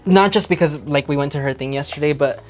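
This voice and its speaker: A man's voice: on the high side, quick pace. A man chatting casually as a guest, with informal, hesitant phrasing that often trails off. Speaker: producer being made up as guest. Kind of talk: casual chat. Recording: music playing behind.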